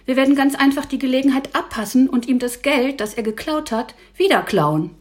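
A woman's voice: high voice, a little fast, voice pushed up, natural voice. A woman voicing a scrappy, hot-headed boy who grumbles and takes offense. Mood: indignant. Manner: indignant, grumbling.

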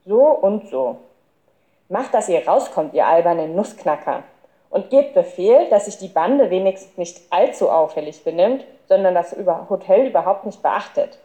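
A woman reading an audiobook, voicing a bossy boy who gives his gang brisk orders. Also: fairly low pitch, big pitch swings, dark tone.

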